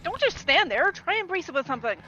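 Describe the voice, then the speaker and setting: A woman playing a bossy, sharp-tongued young rebel princess in a table read of a space adventure script. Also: extremely high pitch, sing-song, fast talker. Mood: commanding. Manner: commanding, urgent. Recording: dull, lo-fi audio with music.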